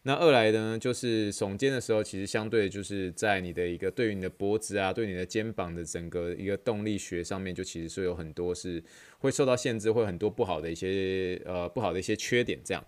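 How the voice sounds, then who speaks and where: A man's voice: low-pitched, quick pace. A man with a Taiwanese Mandarin accent hosting a podcast in casual, rambling chat that repeats phrases. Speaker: podcast host.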